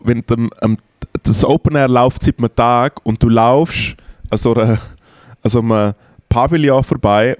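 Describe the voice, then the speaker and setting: A man's voice: mid-range voice, darkish tone, dry recording. A young man with a Swiss German accent telling rambling, slangy stories in casual chat with many fillers. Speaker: podcast co-host.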